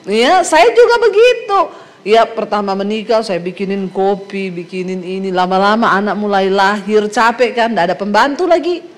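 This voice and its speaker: A woman's voice: medium pitch, animated, normal speed. A middle-aged woman from Sulawesi, a pastor giving a humorous sermon to a congregation, telling stories and acting out quotes with laughter.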